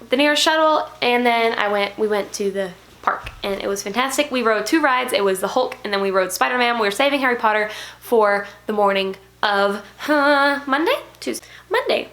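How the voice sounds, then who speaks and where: A young woman vlogging a casual trip recap, chatty and excited, often correcting herself. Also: mid-range voice, fairly quick.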